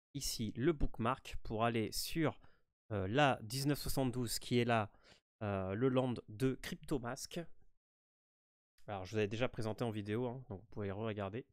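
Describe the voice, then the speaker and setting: This gaming walkthrough host speaks with a French accent at a middle pitch, easygoing yet hesitant, full of fillers, pauses, and restarts. His voice is captured dry and close, with no room echo.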